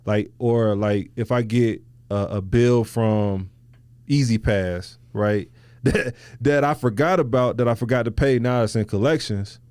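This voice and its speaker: A man's voice: mid-range voice, a little slow, a little mellow, clean tone, no echo. A man hosting a podcast, talking reflectively in loose, slangy, casual conversation. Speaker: podcast host.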